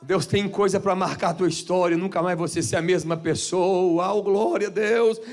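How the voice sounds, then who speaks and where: A Brazilian pastor with a Minas Gerais accent, preaching a fervent Pentecostal sermon in a church, swinging from shouted praise to hushed asides. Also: male voice, sits high, steady tone, moderate pace. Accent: Brazilian Portuguese, Minas Gerais.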